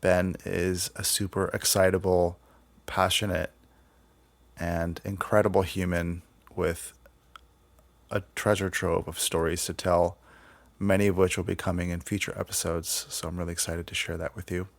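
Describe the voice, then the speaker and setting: A man hosting a podcast, talking casually in measured, sometimes hesitant phrases. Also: deep voice, flat delivery, gravelly, no room sound. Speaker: podcast host. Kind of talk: casual podcast introduction and conversation.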